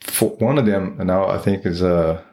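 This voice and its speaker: Low-voiced Brazilian man, halting. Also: warm tone. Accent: Brazilian Portuguese. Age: 40s. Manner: halting, many fillers and restarts. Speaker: guest. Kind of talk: casual interview.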